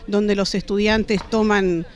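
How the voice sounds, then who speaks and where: A woman in her forties with a Uruguayan accent, a school principal answering a news interview outdoors, speaking in a measured way with many "este" fillers. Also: medium pitch, level tone. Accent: Uruguayan Spanish. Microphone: handheld reporter mics held to her face.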